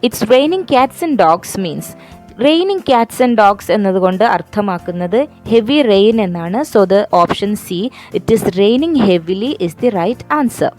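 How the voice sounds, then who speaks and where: Very slow-reading Malayali woman teacher. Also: medium pitch, expressive, a little mellow, soft background music. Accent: Malayali English. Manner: reads English options slowly, explains quickly in Malayalam. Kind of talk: exam question walkthrough.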